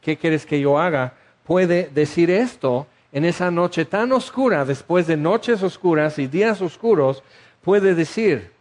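A man preaching, his voice sitting a little high. He is animated and keeps putting questions to his listeners as he acts out the story. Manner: animated, asks the audience questions, acts out scenes. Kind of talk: sermon.

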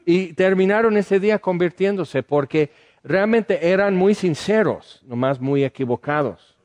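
An American man, a native English speaker, preaches in a loose, conversational teaching style. His voice sits fairly high, and he stops often to restart with small fillers. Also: expressive, unhurried, a little mellow. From United States. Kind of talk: sermon teaching.

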